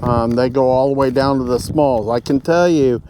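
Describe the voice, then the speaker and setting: A man's voice: mid-range voice, steady tone, normal speed, warm tone, poor audio. Man explaining gear outdoors over road noise. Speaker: fishing tutorial host. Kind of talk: casual instructional talk to camera. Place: outdoors at home beside a pond.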